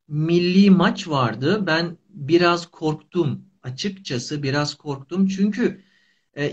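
A man in his thirties with a high voice hosts a casual online language lesson. He keeps his phrases short and simple and repeats them. The livestream sound is dull and lo-fi. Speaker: Turkish teacher and live host. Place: small indoor room.

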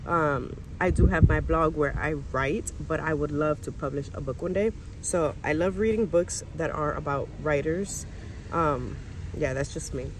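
A young adult American woman with a deep voice chats casually to camera at a measured pace, vlogging from inside a parked car. She holds her phone at arm's length, and the recording picks up faint background noise.

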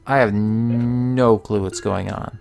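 Slow, gravelly man reading game dialogue. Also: fairly low pitch, fairly even intonation, darkish tone, soft background music. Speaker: let's play host. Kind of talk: reading game text aloud with commentary.

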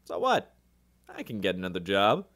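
An actor playing an excitable, kindly, easygoing uncle in his fifties in a radio drama. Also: deep voice, moderate pace, no echo, studio quality, heavily acted. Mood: resigned. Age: 50s.

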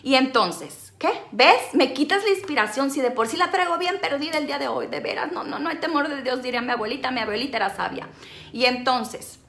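A woman's voice: high voice, brisk, fairly bright tone. A woman, telling a comic story to camera in a dramatic, self-mocking way. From Sinaloa, Mexico. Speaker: vlogger.

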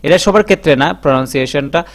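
A man's voice: fairly high pitch, fast talker. A man teaching an online English lesson, breaking long words into syllables and sounding them out. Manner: spells words out syllable by syllable, mixing in English phrases. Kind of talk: spoken language lesson.

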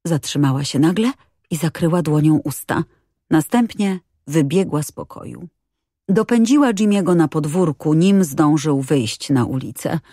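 A woman narrating a children's novel audiobook in a calm, measured reading. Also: low voice, slightly rough, no room sound, studio quality. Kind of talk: scripted narration.

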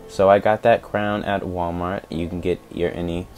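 Low-voiced man doing a mock makeup tutorial. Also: little pitch movement, moderate pace, a little mellow. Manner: playful, repeats phrases for comic effect. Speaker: guest voice-over commentator. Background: background music.

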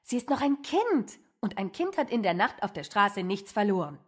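A woman's voice: mid-range voice, very animated, moderate pace, slightly rough. A woman reading a mother's lines in a scripted lesson dialogue, firm and insistent.

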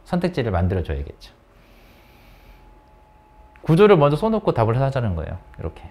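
Lively man teaching grammar. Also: medium pitch, brisk. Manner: lively, coaxing questions to students. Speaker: English teacher. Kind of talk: classroom grammar lesson. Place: academy classroom.

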